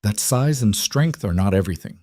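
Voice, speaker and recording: A man voicing a huge scarred male fighter who talks slowly and gravely, with a heavy accent and broken grammar. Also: lowish voice, lively intonation, darkish tone, no room sound, clean studio sound. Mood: solemn.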